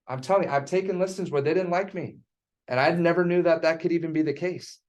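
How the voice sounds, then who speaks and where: A man's voice: on the high side, fairly even intonation, quick pace, a little mellow, highs cut off. A man teaching a real estate sales class in an emphatic, teasing way.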